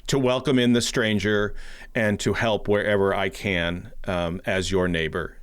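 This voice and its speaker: A man's voice: lowish voice, steady tone, a little slow, clean tone. A man hosting an interview, asking long, conversational framing questions. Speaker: host.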